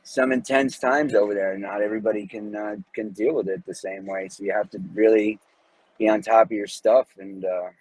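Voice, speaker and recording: A man in his thirties speaks in a low, husky voice, relaxed and unhurried, often pausing on fillers as he thinks aloud. The sound is close and dry, with no room around it. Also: no room sound, rough recording. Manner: relaxed, hesitant, many fillers. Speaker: guest, former Navy corpsman. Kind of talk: casual interview conversation. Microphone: podcast microphone.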